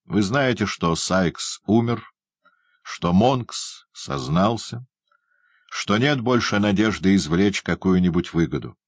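A man voicing a grave, insistent older gentleman who speaks solemnly and slowly. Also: on the low side, very animated, creaky, no room sound, pitched above the performer's own voice, exaggerated voice. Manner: solemn, measured. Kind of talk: audiobook character voice.

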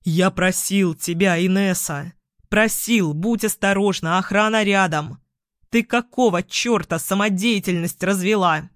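A strained, weakened ex-husband, a grown man who lashes out and then begs, read by a woman in her own mid-pitched voice. The delivery is close and dry, with no room sound. It is storybook reading, not full character acting. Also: unhurried, no echo, close to an everyday voice. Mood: angry. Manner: shouting, then pleading.

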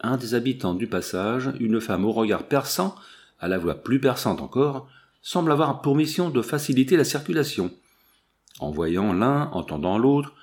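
A man narrating a classic novel as an audiobook, with slow, measured phrasing. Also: medium pitch, a little mellow.

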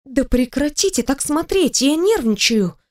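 A woman voices a flustered, indignant young office worker in an audiobook, protesting in a high, drawn-out voice. Her reading is expressive, with a darkish tone.

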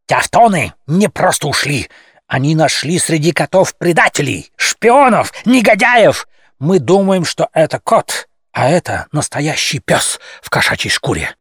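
A fiery male cat demagogue, put on by a male audiobook reader, barking short, sharp accusations in a raised, strident voice. His pitch leaps and swoops with agitation, and the recording is close and dry. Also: very animated, a little slow, breathy edge, no echo, exaggerated voice. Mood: accusing. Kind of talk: audiobook character voice.

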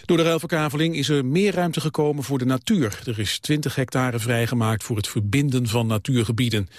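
A male newsreader reading the radio news in a steady, measured way. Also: medium pitch, no room sound, clean studio sound. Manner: even, measured delivery. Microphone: studio microphone.

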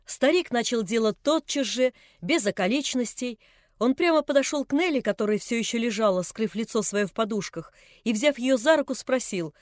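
A woman reading a classic novel aloud in a measured, expressive storytelling voice. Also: a little high, no room sound, studio quality. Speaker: audiobook reader. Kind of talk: literary audiobook narration.

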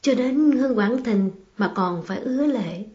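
A woman narrating an audiobook in a measured, emotive reading. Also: a little high, lively intonation, warm tone. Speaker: audiobook reader. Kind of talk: storybook narration. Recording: slightly muffled, faint music behind.

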